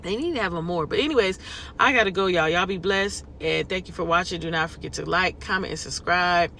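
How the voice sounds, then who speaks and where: A chatty Californian woman talks to her viewers from her car, her voice bright and forward. She keeps it loose and folksy with plenty of y'all and okay thrown in. A faint hum of noise sits under her voice. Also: lowish voice, fairly quick. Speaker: lifestyle vlogger. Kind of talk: casual chat to viewers.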